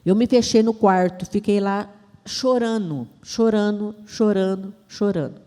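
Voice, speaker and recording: Brazilian woman, pastor, emotional preaching, repetitive storytelling, mellow tone, reverberant church hall. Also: medium pitch, unhurried. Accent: Brazilian Portuguese. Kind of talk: sermon.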